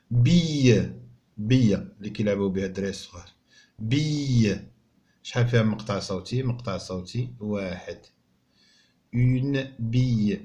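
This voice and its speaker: A man with a Moroccan accent teaching a French reading lesson to young pupils. He sounds out each word slowly and clearly, then explains it quickly. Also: on the low side, a little mellow. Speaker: primary school teacher.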